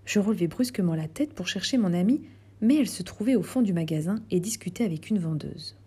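A woman narrating a novel aloud in the first person, in a soft, half-whispered delivery. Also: fairly low pitch, expressive, brisk, husky.

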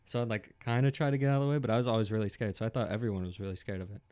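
A young man in casual chat, telling a story in a relaxed, rambling way with lots of fillers. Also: lowish voice, very fast.

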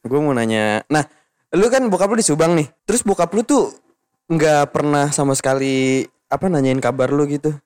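A man's voice: on the high side, lively intonation, normal speed, a little mellow. Teasing young man. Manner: teasing, laughs often, lots of slang. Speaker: podcast host. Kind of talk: casual podcast chat.

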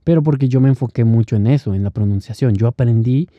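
A man's voice: mid-range voice, fast, no room sound, muffled recording. A young man talking casually on his solo podcast, laughing often and slipping in English phrases. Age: young adult. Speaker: podcast host.

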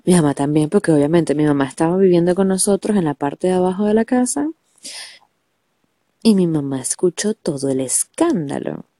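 A woman's voice: fairly low pitch, normal speed, dry recording. A woman with a Venezuelan accent and a nasal, stuffed-up voice tells a personal story casually, swearing and using lots of slang. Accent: Venezuelan Spanish. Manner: profane, animated storytelling full of slang. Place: under a quilt at home.

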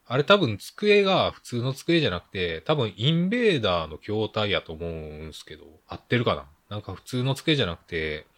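A man's voice: lowish voice, very animated, brisk, few pauses, a bit bright. A man with a Kansai Japanese accent giving a casual solo film review, talking bluntly in rambling, grumbling colloquial asides.

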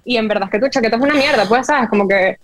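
A young woman with a Venezuelan accent, telling stories in animated casual chat with lots of slang. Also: on the high side, racing. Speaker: podcast co-host.

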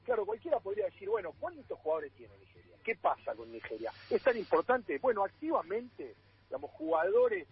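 Raspy, lively Argentine man on a phone line. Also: high-pitched, brisk. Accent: Argentine Spanish. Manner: explanatory, with many fillers and restarts. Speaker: radio sports columnist. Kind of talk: radio panel talk.

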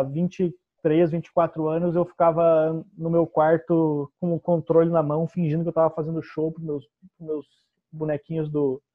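A young man speaks in a calm, understated way as he tells his story. His voice sits a little high. The recording sounds dull and lo-fi. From southern Brazil. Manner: relaxed, soft-spoken storyteller. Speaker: stand-up comedian guest. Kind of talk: casual podcast conversation.

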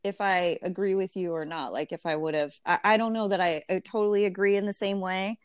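A woman in casual podcast chat, talking in quick bursts with many fillers and restarts. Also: medium pitch, fairly even intonation, smooth, no echo, studio quality. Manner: chatty, frequent fillers and restarts.

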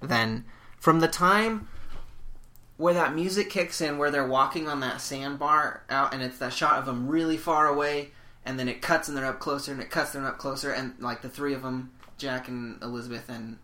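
Casual movie-podcast co-host, crisp bright tone, enthusiastic and rambly. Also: mid-range voice, normal speed. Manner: enthusiastic, rambling with many restarts.

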